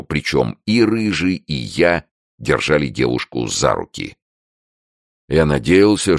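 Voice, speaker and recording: A man reads a first-person crime story aloud in a measured, dry manner. His voice is extremely deep and gravelly, with a lively rise and fall. The recording is dry and close. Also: no room sound. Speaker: audiobook narrator. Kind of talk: first-person audiobook narration.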